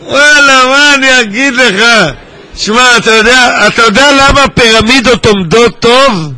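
Man, high voice, bright and sharp, teasing, calling out to the crowd, faint room noise. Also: rough recording. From Israel. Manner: teasing, joking, calls out to individuals in the crowd. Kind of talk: lively gathering talk to students. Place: large synagogue hall at a gathering.

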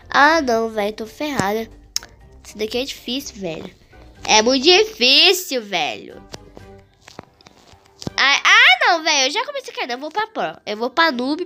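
A woman with a Brazilian Portuguese accent giving chatty, excitable gameplay commentary full of slang. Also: high-pitched. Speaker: gaming YouTuber.

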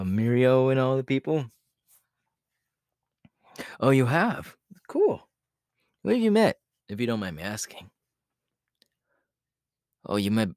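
Sero, a man playing an easygoing, slow-talking young student. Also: medium pitch, darkish tone, dry recording, clean studio sound. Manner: hesitant, chuckling, informal, speaking straight to the listener. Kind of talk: ASMR audio roleplay, one-sided casual chat.

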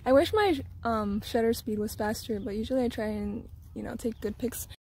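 A woman's voice: moderate pace, a little mellow, a little hiss or hum. A young woman vlogging outdoors in a garden, chatty and a bit flustered, slightly out of breath as she gives tips. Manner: chatty, slightly flustered, switches to high sing-song when coaxing her toddler. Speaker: vlogger and mother. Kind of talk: casual outdoor vlog with tips. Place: outdoors in a garden, under a tree.

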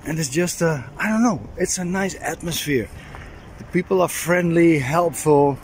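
A middle-aged man speaking at normal speed vlogs casually about sailing and explains some DIY work. He is outdoors at a harbor boatyard and on a boat deck, captured by an arm's-length handheld camera in a noisy recording with rumble.

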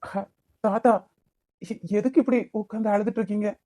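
A woman voicing a caring young man, the elder brother, in a cartoon, with a Kanyakumari Tamil accent and a gentle, consoling manner. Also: mid-range voice, fairly even intonation, normal speed, no room sound, natural voice. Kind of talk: cartoon voice acting.

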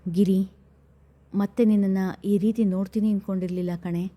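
A woman's voice: medium pitch, steady tone, a little slow, mellow, close to an everyday voice. A woman voicing a loving, remorseful elderly husband speaking with emotion. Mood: tender.

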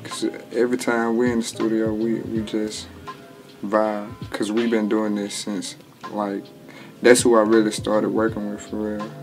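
He's a rapper, twenty years old, answering interview questions from a small home studio with music playing beneath. His delivery is laid-back and drawling, heavy on slang and restarts, in a lowish monotone at a measured pace.

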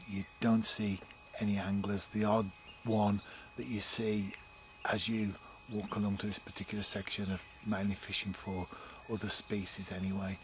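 A man's voice: fairly low pitch, a bit bright, slight background noise. A man in his forties vlogging from a canal bank at dawn, speaking into a close camera mic in a chatty, upbeat way that often drops to a near whisper. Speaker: angler vlogger. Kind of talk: casual outdoor vlog commentary. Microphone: camera mic at close range.

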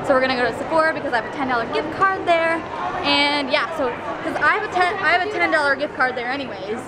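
This young adult American vlogger talks fast in a high, expressive voice, chatting casually to her handheld camera at arm's length as she strolls a large indoor mall. Her talk is loud, rambling and informal, set against a noisy, crowded backdrop.

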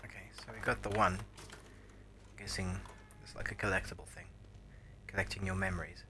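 A male game streamer in his thirties with a lowish, bright voice. He comments casually and wryly from a small room. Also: fairly even intonation, fairly quick, slight background noise. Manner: wry, muttered reactions. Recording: faint game ambience behind voice.

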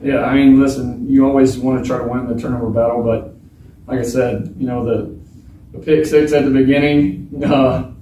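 A man in his thirties, a football quarterback, answering reporters at a post-game press conference in a frank, halting way with many restarts. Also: medium pitch, flat delivery, mellow, highs cut off, slight background noise. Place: small press room with bare walls. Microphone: table mic, filmed from across the room. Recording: echoey room from a distance.

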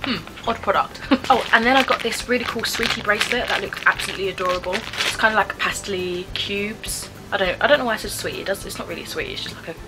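A woman's voice: mid-range voice, fast, few pauses, music in the background, rough recording. A British woman in her twenties giving casual, chatty taste-test commentary, thinking aloud with some hesitation. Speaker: vlogger reviewing snacks. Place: small bedroom, indoors.

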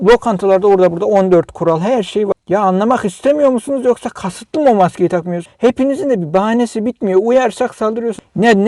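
A man's voice: high-pitched, a little mellow, dry recording. A man vlogging an agitated, scolding rant to his viewers. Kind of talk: angry monologue to camera.

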